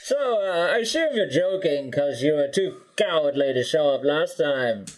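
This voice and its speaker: A man's voice: fairly high pitch, expressive, natural voice, low-quality recording. Bane, a man doing a taunting transatlantic villain. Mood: menacing. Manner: slow, taunting, measured. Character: menacing male villain spoiling for a fight. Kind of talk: improvised tabletop role-play.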